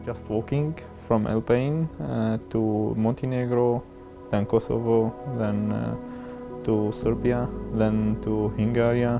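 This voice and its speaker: A man, talking haltingly in a documentary interview. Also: fairly low pitch, steady tone, gravelly, highs cut off, over music. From Syria. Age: 20s. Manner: halting, searching for words with many fillers.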